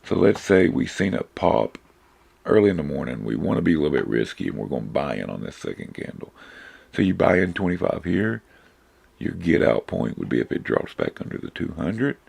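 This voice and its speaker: Very deep, gravelly hoarse man teaching. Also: sing-song, brisk, darkish tone. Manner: informal, rambling, many fillers and self-corrections. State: hoarse, losing his voice. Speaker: trading instructor. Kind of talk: casual screen-share charting lesson.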